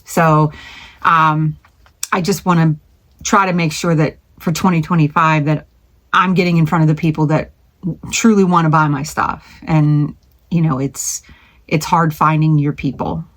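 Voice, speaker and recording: Woman, middle-aged, low pitched, casual rambling vlog chat, lots of ums, home craft studio. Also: steady tone, measured pace. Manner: rambling, many fillers and restarts, chatty. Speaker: small craft business owner.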